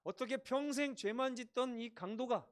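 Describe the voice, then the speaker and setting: A pastor over fifty preaching a sermon, acting out quotes with dramatic rises and drops in loudness. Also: male voice, normal speed. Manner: dramatic, acts out quotes with big swings in pitch and loudness.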